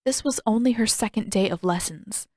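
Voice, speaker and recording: Her voice sits at mid pitch, a little mellow, and she moves at a moderate pace while narrating scripted fiction in audiobook fashion. There's hardly any room sound and no echo in this dry recording.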